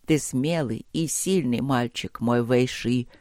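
A frail old emperor lies dying in a storybook battle, voiced by a man. His voice sinks low and slow into a breathy whisper. He stays tender and resigned, and the recording is dry and close. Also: no room sound. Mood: weak, tender.

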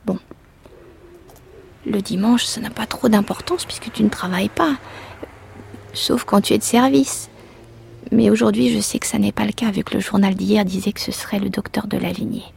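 An actress playing a chatty village woman in a radio drama. She talks softly, half-whispering, in a gossipy way. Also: mid-range voice, steady tone, moderate pace, vocal fry, long pauses, slight background noise.

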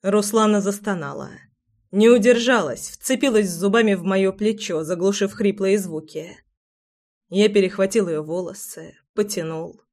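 A woman reads a romance audiobook in a soft, intimate voice, taking her time over the lines. Her pitch sits in the middle of the range, and the delivery stays gentle and close. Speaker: audiobook narrator. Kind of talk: audiobook narration.

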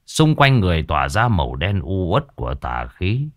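A man voicing a stern, grave older exorcist in a ghost story, speaking slowly and quietly. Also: low-pitched, big pitch swings, no echo. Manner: slow, grave, measured.

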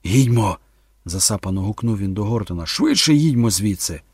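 Man doing a worried dad in an audiobook, firm, gravelly and husky, barking orders. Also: mid-range voice, very animated, quick pace, a little mellow, no room sound, clean studio sound, exaggerated voice. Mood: shouting. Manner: soothing, then barking orders.

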